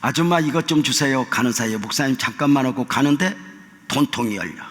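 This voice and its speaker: Older korean pastor man preaching, bright sharp voice, long church echo, goes from quiet to shouting. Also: mid-range voice, fast talker, slight background noise. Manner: acts out dialogue, swings from hushed to shouting. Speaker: senior pastor. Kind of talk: sermon with storytelling. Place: large church sanctuary. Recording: long church hall reverb.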